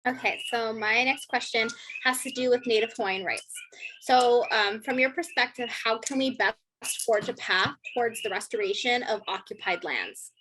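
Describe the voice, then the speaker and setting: A woman moderating a forum poses questions to a candidate in a polite, measured way. Her voice sits somewhat high, with faint noise and clicks in the background. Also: a bit bright, low-quality recording. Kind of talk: reading interview questions.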